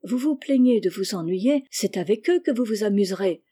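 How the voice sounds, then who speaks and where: A woman's voice: mid-range voice, moderate pace, slightly rough. A woman reading a cheerful young servant girl. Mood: encouraging. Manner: encouraging, lively. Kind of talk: audiobook character reading.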